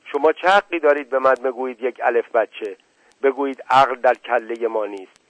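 A man's voice: medium pitch, dry recording, close to an everyday voice, low-quality recording. A man reading as a hot-tempered young man. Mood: indignant. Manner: indignant, protesting.

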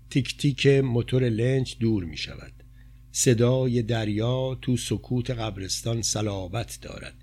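A man reading a literary novel aloud as an audiobook, in a calm, measured storytelling manner. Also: mid-range voice. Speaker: narrator.

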